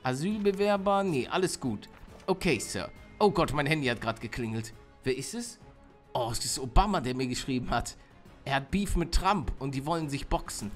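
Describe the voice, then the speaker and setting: A man's voice: medium pitch, expressive, normal speed, soft background music. A man with a German accent giving jokey let's play commentary, reading game text aloud. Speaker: gaming YouTuber.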